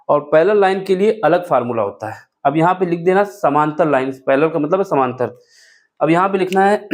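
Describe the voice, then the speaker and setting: A man teaching a board-exam math lesson step by step, asking questions and answering them himself. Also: high voice. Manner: asks rhetorical questions and answers them, self-correcting aloud.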